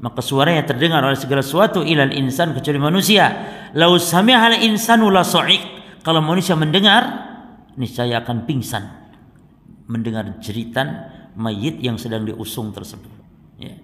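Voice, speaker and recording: A man's voice: mid-range voice, normal speed, fairly bright tone. A male Islamic teacher giving a religious study lesson. He recites Arabic texts and then explains them to the congregation. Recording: reverberant hall.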